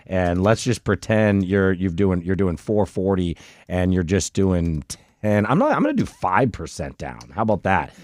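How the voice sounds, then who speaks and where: A man's voice: low voice, very animated, normal speed, darkish tone, no echo. A man from Tampa hosting a casual real estate chat, joking and walking through mortgage numbers. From Tampa, Florida. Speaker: podcast host, mortgage lender.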